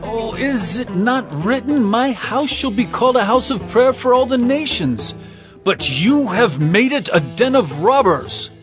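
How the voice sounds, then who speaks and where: Jesus, an expressive commanding teacher. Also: male voice, extremely high pitch, measured pace, exaggerated voice. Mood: stern rebuke. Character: Jesus, authoritative male teacher, earnest and commanding. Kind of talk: dramatized scripture reading. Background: music.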